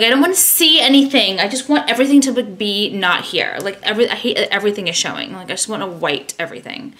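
A woman in her thirties vlogs casually to a camera held at arm's length in her bedroom at home, rambling and poking fun at herself while talking about a skincare product. Her voice is medium-pitched and fairly bright.

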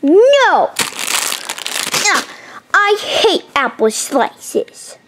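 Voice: very high voice, very animated, extremely slow, noisy background, exaggerated voice. A young performer voicing a whiny, demanding bunny animatronic plush in a homemade puppet video.

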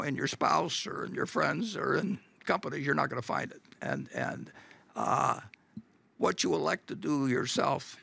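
Older man, gravelly and husky, folksy meeting Q&A with chuckles and restarts, dry close sound. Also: fairly high pitch, sharp tone. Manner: folksy, halting, chuckles often, many restarts. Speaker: company chairman answering shareholder questions. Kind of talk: unscripted Q&A answer. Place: large meeting stage at a table.

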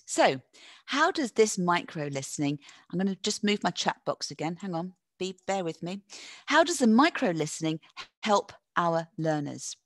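Lively woman leading a teacher webinar. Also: on the low side, no room sound. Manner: encouraging, reads chat answers aloud and praises them; lively teacherly delivery with drawn-out stressed words. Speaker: teacher trainer presenting a webinar. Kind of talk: live online teacher-training webinar.

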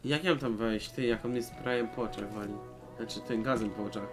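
A man's voice: medium pitch, steady tone, brisk. A young Polish man giving casual, sweary commentary while he plays a video game. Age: young adult. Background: game music.

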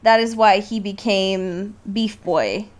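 Her mid-range voice moves at a slow pace as she co-hosts a laid-back film podcast. The conversation is casual and informal, with her explaining points and dropping the occasional swear word.

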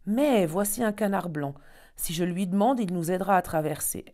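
A woman's voice: on the low side, animated, normal speed, darkish tone. A woman voicing a frightened but brave little girl who speaks in an earnest, pleading way.

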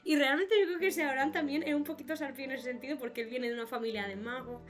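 Speaking quickly with fairly even intonation, a young woman's voice sits high over soft background music. She has a cold, co-hosts a podcast, and chats casually while laughing a lot, recorded through a webcam on a video call from a home room.

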